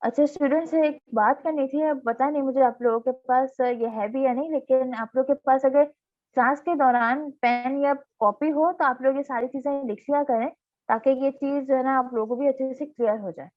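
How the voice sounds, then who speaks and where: A woman teaching an online grammar class, explaining patiently and reading examples slowly. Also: sits high, fairly even intonation, dry recording. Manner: patient explaining, reading English examples slowly, frequent "theek hai" check-ins. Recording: tinny phone-like online class audio.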